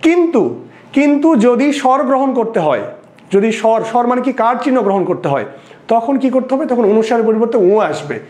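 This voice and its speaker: A high-pitched man with a Bangladeshi Bengali accent teaches an exam-prep lesson, explaining step by step. He keeps asking his students a question and then answering it himself. His voice rings in an echoey room. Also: sing-song, brisk, a little mellow.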